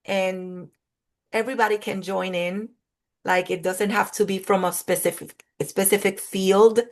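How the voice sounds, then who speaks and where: This woman, a clinical psychologist and native Spanish speaker, is being interviewed on a video call. She has a mid-range voice and a steady tone, and she lays out her points in a slow, thoughtful, list-like way.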